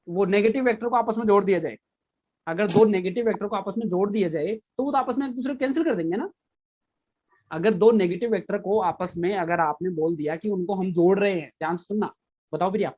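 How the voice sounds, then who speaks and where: A man's voice: high-pitched, darkish tone, highs cut off. A man teaching a physics class, repeating key points and quizzing his students with frequent questions. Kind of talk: live online class lecture.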